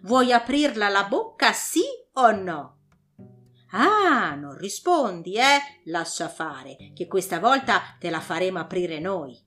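A woman voicing gruff, threatening male assassins in a storybook reading, grumbling their lines. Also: mid-range voice, big pitch swings, slow pace, a bit bright, faint music behind.

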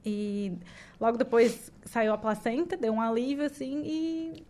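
A young woman from southern Brazil telling her birth story in casual chat, animated and often laughing. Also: on the high side, measured pace.

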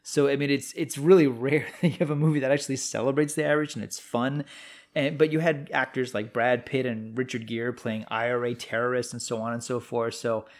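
Man, casual film chat, animated, jokey, mid-pitched voice. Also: brisk. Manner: animated, jokey, mimics lines in high voice. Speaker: film podcast co-host.

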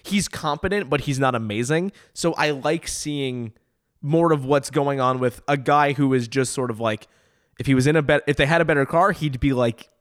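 A man co-hosting a podcast in loose, sardonic chat, with swearing dropped in freely. His voice sits at a plain middle pitch for a man. The talk sounds offhand and unscripted. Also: normal speed. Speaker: podcast co-host. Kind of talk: casual chat.

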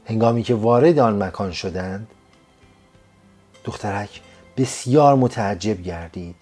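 A man narrating a serialized story as a scripted audiobook, reading in a slow, measured way. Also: lowish voice, a little mellow, slightly rough. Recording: faint music behind.

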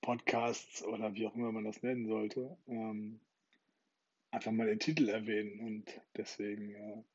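A man's voice: lowish voice, monotone, moderate pace, a little mellow, husky, lo-fi sound. A man hosting his own podcast, chatting informally with many fillers before reading a novel aloud. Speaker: podcast host and reader.

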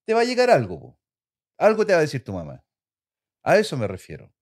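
A man's voice: a little high, huge pitch swings, brisk, a little mellow. A middle-aged Chilean man, a father, explaining things with casual slang in a family chat. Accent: Chilean Spanish. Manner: explaining, colloquial.

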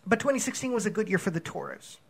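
A man's voice: sits high, expressive, fast, creaky, slightly rough. A man co-hosting a soccer podcast in casual chat, rambling with many restarts and fillers. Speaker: podcast co-host.

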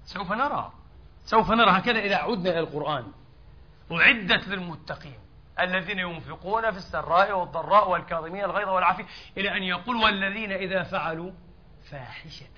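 Male preacher, high, fast and sharp-edged, impassioned sermon with rhetorical questions, dull lo-fi mosque recording. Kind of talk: Friday sermon.

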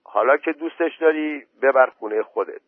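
A man's voice: medium pitch, no room sound, pitched above the performer's own voice, lightly acted. A man doing a commanding village headman. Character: village headman, calm authority. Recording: dry phone-like voice message.

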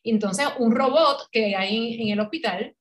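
Animated Puerto Rican woman, fairly high voice. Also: normal speed. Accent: Puerto Rican Spanish. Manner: animated storyteller, acts out quoted dialogue, laughs often. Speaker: podcast guest. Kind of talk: casual interview conversation.

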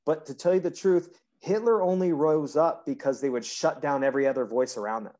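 A man's voice: fairly high pitch, a little fast. Rambling chatty man, loose casual talk. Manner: rambling, animated, frequent "like" fillers. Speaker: podcast host. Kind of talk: casual political chat.

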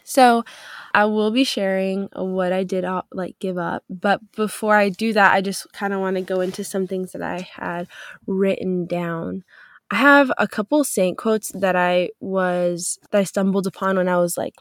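A young woman speaks a little slowly with fairly even intonation in a medium-pitched voice, recorded in a clean studio with no echo. She's hosting a casual faith podcast, upbeat and loose with frequent fillers, and her voice sounds stuffy from a cold.

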